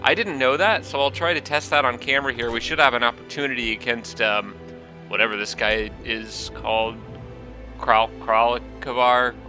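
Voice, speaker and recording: A man hosts his own gaming channel, casually talking through a strategy game while congested from allergies, which makes him slightly nasal. He thinks aloud with frequent ums, in a mid-range, fairly even, pushed and bright voice at moderate pace over soft background music.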